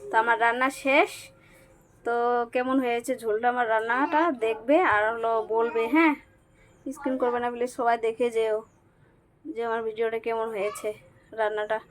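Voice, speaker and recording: A woman's voice: fairly high pitch, steady tone, normal speed, pauses often. A woman vlogging while she cooks in her small home kitchen, her voice a little thick today, chatting on and on and pleading with viewers to keep watching. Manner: chatty, repeats herself, keeps pleading with viewers. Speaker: cooking vlogger. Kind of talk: casual cooking vlog chat. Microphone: camera propped to one side.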